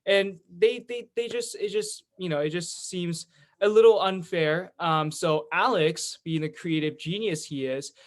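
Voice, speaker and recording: Speaking at a measured pace in a high-pitched voice, this Californian teen presents informally online as a student and education executive for a youth charity. He comes across as chatty and eager, weaving his points into stories.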